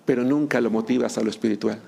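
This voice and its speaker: A man's voice: medium pitch, steady tone, fast talker, creaky, mellow. A man, a pastor preaching a sermon, joking and acting out little scenes between husbands and wives. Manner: humorous, acts out couples' dialogue.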